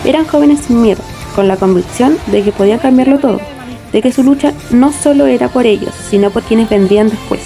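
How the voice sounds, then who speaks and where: A woman's voice: on the high side, fairly quick, warm tone, soft background music. A woman giving earnest, scripted documentary narration. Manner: earnest, rhetorical.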